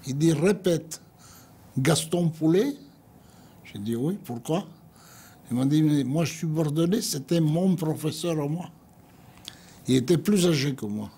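Husky and mellow, a little high and animated, this older man from Greece reminisces at an easy pace during a studio interview. Along the way he performs the words of others, voicing their quotes himself.

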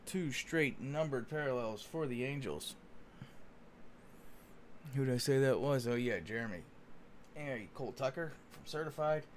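A man's voice: mid-range voice, unhurried, pauses often, a little hiss or hum. A man hosting a sports card break, giving casual running commentary in a chatty, folksy way, as if talking to friends. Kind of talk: casual running commentary while opening cards. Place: indoors at a card-covered table.

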